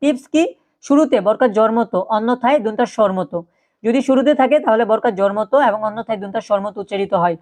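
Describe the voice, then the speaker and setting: A woman's voice: fairly high pitch, fast talker, a little mellow. A woman teaches a spoken pronunciation lesson. She explains step by step, repeating each word and often saying "yes". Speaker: language teacher.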